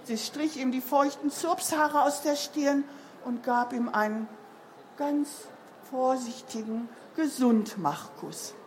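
A woman reading a picture book aloud to children, her voice high and her pace unhurried. She reads in a lively, sing-song way. Faint background noise sits under the recording.

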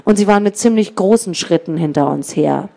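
A woman reads a children's adventure story aloud. Her voice is mellow and sits fairly low, and she gives each child and each bully a voice of their own. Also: fairly quick, vocal fry. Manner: lively reading that voices each child and gang member. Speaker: audiobook narrator.

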